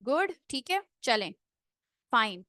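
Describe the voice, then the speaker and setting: Woman pronunciation tutor on a computer mic; unhurried, drawn-out delivery, close dry sound. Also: fairly high pitch, big pitch swings, bright, forceful tone, dry recording. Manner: slow, drawn-out model phrases, with frequent check-ins. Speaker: English pronunciation teacher. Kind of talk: online class mixing Hindi and English. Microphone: computer mic on a screen-shared video call.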